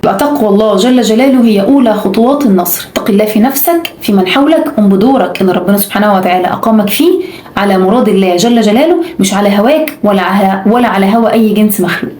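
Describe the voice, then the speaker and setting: A woman's voice: mid-range voice, very fast, darkish tone, roomy sound. A woman with an Egyptian Arabic accent gives a religious exhortation, urging her listeners emphatically and repeating her points. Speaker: religious speaker.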